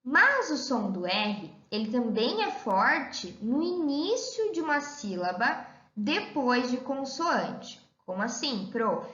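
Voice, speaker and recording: Woman teacher for a kids' online class, fairly high and very unhurried, recorded dull in an echoey room. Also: very animated, a bit bright. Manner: slow, sing-song, refers to herself as "the teacher". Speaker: primary school teacher. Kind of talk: online lesson for young children.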